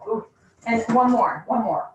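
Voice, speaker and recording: A woman leading teachers through a classroom game, giving quick, instructive directions and laughing often. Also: fairly high pitch, expressive, slight background noise. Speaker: teacher trainer. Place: classroom or training room. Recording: roomy, distant, dull classroom sound.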